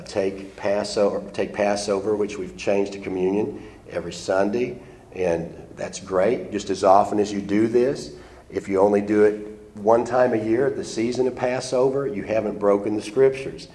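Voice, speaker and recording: A Bible teacher from the United States, congested with the flu, teaches a sermon and reads scripture aloud in King James wording. His voice is on the low side and a little mellow, with a roomy sound.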